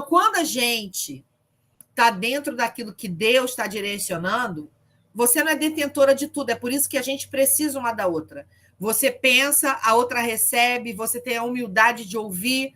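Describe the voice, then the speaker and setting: Woman leading an online prayer group, lively and joking, bright clear voice. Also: a little high, normal speed. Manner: lively, humorous, testimony-telling. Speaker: discipleship group leader. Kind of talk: informal preaching to an online group.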